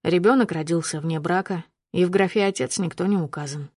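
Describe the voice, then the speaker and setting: A woman's voice: lowish voice, brisk, darkish tone, breathy edge, dry recording, studio quality, voice pushed down. A woman reading the part of a stern, suspicious man who questions her coldly in clipped lines. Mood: cold accusing. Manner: cold, accusing, clipped questions. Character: stern, suspicious adult man driving a car. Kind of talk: audiobook character reading.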